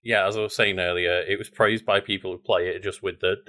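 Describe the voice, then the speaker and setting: Low-voiced man rambling in casual chat. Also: fairly quick. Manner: rambling, many filler likes, relaxed swearing. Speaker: podcast co-host.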